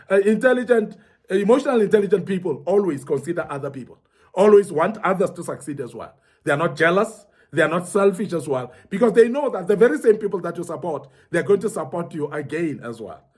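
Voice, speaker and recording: A man's voice: fairly high pitch, slightly rough. A middle-aged man giving an earnest motivational teaching talk to young men, repeating points for emphasis. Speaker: speaker at a young men's forum.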